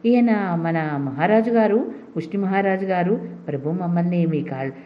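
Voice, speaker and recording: A woman's voice: on the low side, moderate pace, slight background noise, close to an everyday voice. A woman voicing a mocking adult male leader of a beggar gang in a storybook reading. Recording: dull lo-fi recording.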